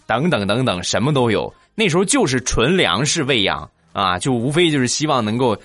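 A man's voice: mid-range voice, very animated, brisk, a bit bright, no room sound. A man hosting a comedy show, telling funny anecdotes in a chatty style and laughing at his own jokes. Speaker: comic storyteller host. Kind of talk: comic anecdote storytelling.

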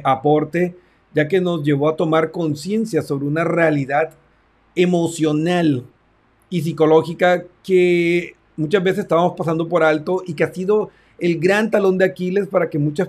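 A man's voice: fairly high pitch, darkish tone. A man who works as a therapist, giving a reflective talk on self-esteem and acting out conversations with his clients. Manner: reflective, acts out client dialogues.

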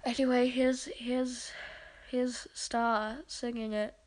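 A woman hosting a podcast, wrapping up in a rambling, halting way with many fillers. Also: a little high, level tone, darkish tone. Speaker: podcast host. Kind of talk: casual podcast outro.

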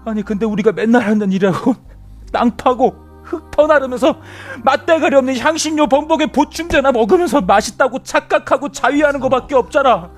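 An actor playing a young male Mars colonist who is sick of the routine, ranting and cursing until his voice breaks into shouts. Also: extremely high pitch, a little fast, faint music behind. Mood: bitter complaint. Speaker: crew member number three. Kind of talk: web drama acting.

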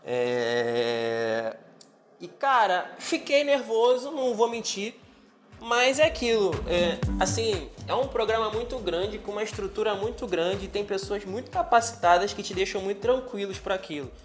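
Homem brasileiro de voz um pouco aguda, cheio de gíria. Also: male voice, high-pitched, normal speed, faint music behind. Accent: Brazilian. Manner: slangy, animated, emphatic. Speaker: TV show guest. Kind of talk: casual chat in an online audio room.

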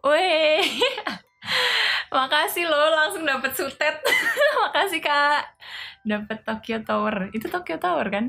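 A woman's voice: high-pitched, expressive, slow pace, gravelly, pauses often, sharp tone, soft background music. A woman chatting casually on a live stream, playful and laughing often as she reads viewer comments aloud and tries simple Japanese phrases.

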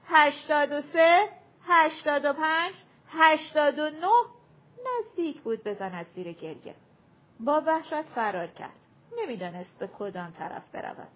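A woman's voice: a little high, highs cut off, a little hiss or hum. A woman reading a short story aloud as an audiobook narrator, with dramatic, varied delivery.

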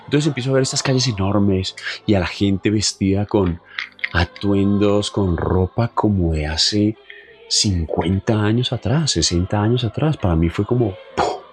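Deep-voiced Colombian man telling stories. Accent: Colombian Spanish. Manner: animated, chatty, fond of asides and fillers. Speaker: traveler telling his story. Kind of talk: casual storytelling.

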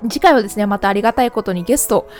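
A woman's voice: medium pitch, expressive, very fast, darkish tone, soft background music. Chatty Japanese woman podcast host. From Kanto. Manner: polite, chatty, many fillers. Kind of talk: solo podcast talk.

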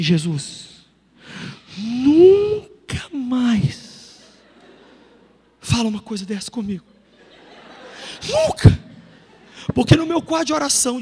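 Man, middle-aged pastor, from Brazil, animated sermon storytelling, fairly high voice, long hall reverb. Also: breathy edge. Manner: animated storytelling, voices quotes, bursts of loud emphasis. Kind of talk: sermon testimony.

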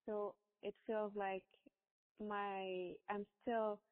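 A woman in her forties from Morocco tells a personal story slowly and haltingly, pausing often. Her voice comes through a tinny, phone-like line with a long, echoey reverb. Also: mid-range voice, flat delivery. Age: 40s. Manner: halting, hesitant with many pauses. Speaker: guest.

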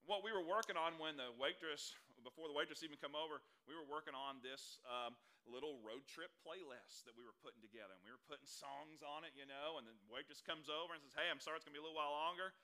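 A man's voice: on the high side, fast talker, few pauses, pushed and bright. A middle-aged man preaching a sermon, talking in a folksy way and asking his congregation questions. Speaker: pastor. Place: church hall before a congregation.

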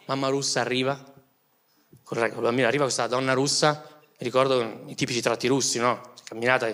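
A man in his thirties, a comedian telling funny stories in an animated, exasperated way and laughing through his punchlines. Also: medium pitch, fast talker. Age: 30s. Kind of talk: comic storytelling.

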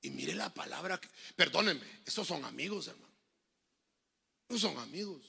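A middle-aged man with a Honduran Spanish accent, preaching a lively sermon, telling jokes and stories and acting out voices. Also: fairly high pitch, normal speed, gravelly, husky. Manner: joking, storytelling preacher, acts out voices. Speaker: pastor.

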